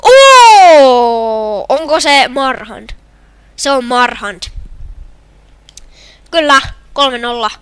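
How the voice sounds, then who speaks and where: A young woman with a Finnish accent commenting on her own hockey video game match, shouting and groaning at the plays. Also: high voice, pauses often, clean tone, no room sound. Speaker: gamer. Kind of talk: gameplay commentary.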